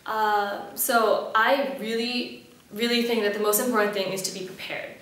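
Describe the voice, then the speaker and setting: A woman's voice: medium pitch, fairly even intonation, moderate pace, a bit bright. A woman in her twenties from Malaysia, chatting upbeat in an interview about leading a committee, with fillers and restarts. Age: 20s. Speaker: head chair interviewee. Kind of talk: casual interview answers. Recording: very echoey room, voice from a distance.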